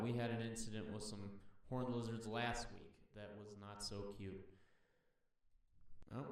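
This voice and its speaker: A man's voice: fairly low pitch, far from the mic. A man hosts a loose, jokey run-through of the day's wildlife photos, rambling and talking to himself as he goes. His voice bounces around an echoey room. He sits some way back from the mic. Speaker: host. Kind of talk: casual commentary on wildlife photos.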